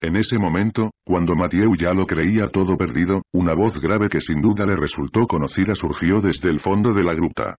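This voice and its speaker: A man narrating a novel in a steady, measured audiobook reading. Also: deep voice, no echo, highs cut off.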